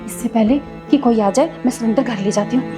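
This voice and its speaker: A woman's voice: on the high side, a little fast, over music, natural voice. A woman playing a poor house maid in a short drama skit, snappy and defensive, turning to pleading. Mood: scheming. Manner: snappy and quarrelsome, then pleading. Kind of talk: Hindi web-skit acting.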